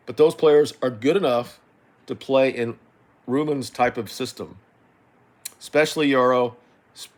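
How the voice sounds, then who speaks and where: A middle-aged man talks off the cuff like an aggrieved football fan. His delivery is rambling and halting, with sentences that double back on themselves. He sounds exasperated and swears as he makes his case. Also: medium pitch. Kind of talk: unscripted opinion rant about football.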